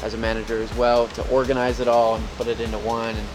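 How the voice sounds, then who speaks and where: Guy doing a casual walkthrough tour, mid pitch voice, informal manager type, music playing behind him. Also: flat delivery, quick pace. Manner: informal, off-the-cuff pointing things out. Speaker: warehouse manager giving a tour. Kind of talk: casual walk-through tour talk. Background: background music.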